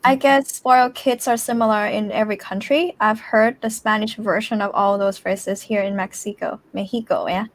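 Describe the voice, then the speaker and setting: A woman's voice: mid-range voice, steady tone, moderate pace, few pauses, no echo. A woman hosting a casual live language chat, reacting expressively and encouragingly to her guest and commenters. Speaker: host of a language-teaching channel.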